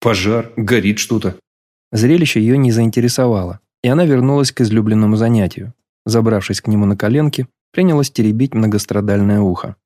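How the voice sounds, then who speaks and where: A man reading a novel aloud as an audiobook narrator, in a measured, even storytelling manner. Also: on the low side, dry recording, studio quality. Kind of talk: scripted literary narration.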